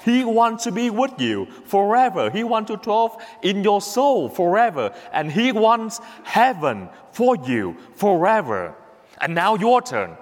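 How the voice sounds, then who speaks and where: Priest guy giving a christmas homily, slow and bouncy, keeps repeating himself, big echoey church. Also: high voice. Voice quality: animated, repetitive emphatic delivery. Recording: long hall reverb.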